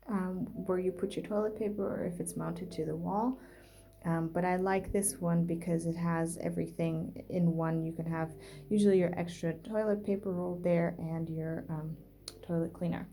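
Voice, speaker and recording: A young woman with a slightly low voice chats her way through a home tour, pausing often on "um" as she moves from room to room. Her voice is picked up indoors in a small apartment, with a faint hum of room ambience behind her. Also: darkish tone. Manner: chatty, many "um" pauses, walks through rooms while talking. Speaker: vlogger giving a home tour. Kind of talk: casual house tour narration.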